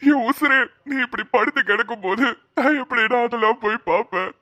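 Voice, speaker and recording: A woman's voice: fairly high pitch, a little fast, pushed and bright, no room sound, muffled recording. A woman voicing a playful, teasing young man in a cartoon. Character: joking young man recovering in hospital. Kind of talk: cartoon voice acting.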